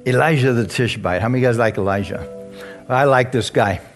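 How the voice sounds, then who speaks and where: A male pastor preaching a sermon, chatting with the congregation, chuckling and asking them questions as he reads scripture. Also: medium pitch.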